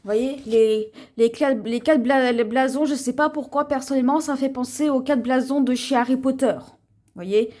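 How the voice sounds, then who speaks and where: A woman's voice: high-pitched, darkish tone. A woman presenting her shopping haul to viewers in a chatty show-and-tell vlog. She keeps pointing things out and sometimes stumbles over words. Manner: slow, chatty, points things out to viewers, often repeats "voyez"; trips over words and restarts names. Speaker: haul vlogger.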